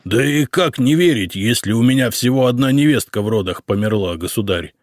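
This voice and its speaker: A man reading an audiobook, voicing a calm, stubborn old boyar who answers in a level, dignified way. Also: medium pitch, dry recording, clean studio sound, close to an everyday voice. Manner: level, dignified, unhurried replies.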